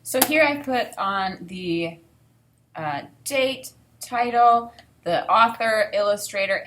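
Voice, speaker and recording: In a small room at home, a woman in her thirties leads a read-aloud lesson with enthusiasm and expression. Her mid-range voice carries a conversational tone as she thinks out loud.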